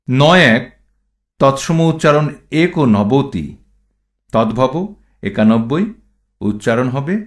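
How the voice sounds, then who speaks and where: A man teaching standard pronunciation, reading rules and example words one at a time in a measured recitation. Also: medium pitch, a bit bright. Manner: measured, reads rules and word lists one item at a time. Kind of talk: slow instructional recitation.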